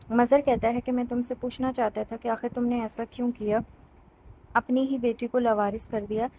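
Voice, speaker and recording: A woman giving a scripted, steady retelling of a drama episode as a recap narrator. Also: fairly high pitch, slight background noise, poor audio. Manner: even, steady retelling of scenes.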